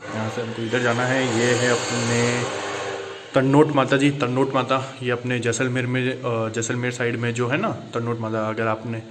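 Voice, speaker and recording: Walking through a man-made underground cave temple, this man narrates his tour in Hindi sprinkled with English, exclaiming frequently. His mid-range voice is level, at a moderate pace, recorded on a handheld phone with background noise.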